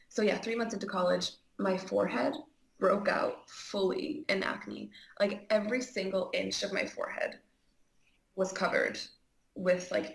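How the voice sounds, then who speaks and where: A woman's voice: medium pitch, creaky, echoey room, low-quality recording. A young woman from Iceland, an interview guest telling her personal story candidly, chatty and full of "like" and "um". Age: young adult. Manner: chatty, heavy use of "like" and "um", frank.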